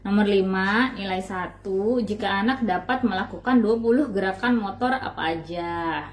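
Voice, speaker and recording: A woman's voice: mid-range voice, moderate pace. A woman from Indonesia hosts a parenting channel, explaining child development tests in a chatty, loose way and often acting out examples. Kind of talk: casual instructional talk.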